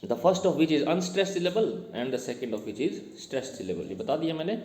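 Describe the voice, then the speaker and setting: A male teacher giving a classroom lecture: he reads English text slowly, explains it in Hindi, and quizzes his students as he goes. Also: fairly high pitch, sing-song, a little mellow. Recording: echoey room with long reverb.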